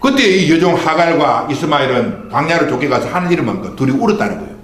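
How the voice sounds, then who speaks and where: Pastor, male, fairly high voice, lively swinging delivery, rhetorical questions, reverberant sanctuary. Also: fast talker. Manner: preaching with rhetorical questions and call-and-response. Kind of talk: Sunday sermon. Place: church sanctuary. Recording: echoey church hall.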